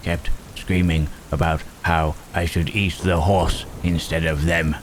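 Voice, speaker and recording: A man's low-pitched voice portrays Frankenstein's monster, a gentle, brooding creature who has lived a long time, in an ASMR roleplay drama, his phrasing halting and deliberate, with musing, questioning murmurs. The mood is wry and reassuring. Steady rain and thunderstorm effects play behind him, with a slight hiss or hum.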